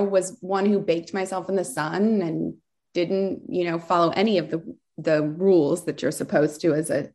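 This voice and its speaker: A beauty store founder from Southern California tells her story in a casual interview, her voice on the lower side. She's chatty and rambling, full of fillers and restarts.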